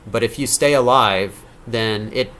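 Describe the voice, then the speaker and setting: A man's voice: fairly low pitch, a little slow, a bit bright. Tired man answering a live chat. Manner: rambling, self-correcting, reads donor questions aloud. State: tired late at night. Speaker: game developer answering live chat questions. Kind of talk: casual live-stream Q&A.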